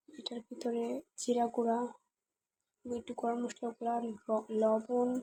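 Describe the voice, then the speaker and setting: A woman's voice: on the high side, warm tone, husky, dry recording. A woman hosting a cooking channel, talking viewers through a recipe step by step in a chatty, direct way. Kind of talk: casual recipe tutorial voice-over.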